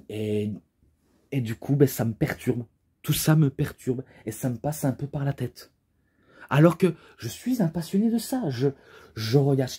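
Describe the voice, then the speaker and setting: A man's voice: mid-range voice, dark tone, breathy edge. A young man, casually reviewing a wrestling DVD in a rambling way, full of fillers and restarts.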